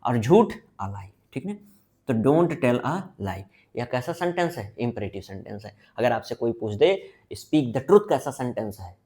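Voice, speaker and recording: A male teacher gives a blackboard-style grammar lesson in a voice of ordinary, middling pitch. He keeps asking his listeners questions and answering them himself, repeating each answer. He slows right down and stretches out each example sentence. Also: mellow. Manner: drawn-out emphasis on example sentences. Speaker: English teacher.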